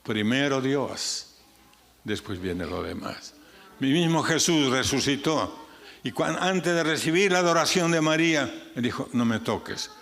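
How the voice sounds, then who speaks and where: A man's voice: medium pitch, expressive, unhurried, a bit bright. Preaching man in a reverberant church. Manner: earnest preaching, rising and falling sharply for emphasis. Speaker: pastor. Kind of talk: sermon. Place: church sanctuary. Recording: church sanctuary with long reverb.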